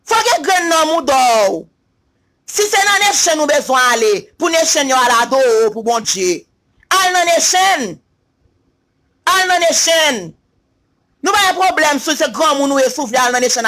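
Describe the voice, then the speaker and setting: A man's voice: very high-pitched, bright, forceful tone. A man with a Haitian accent giving an emphatic opinion rant to his followers, repeating lines and slipping into sing-song chants. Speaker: social media commentator.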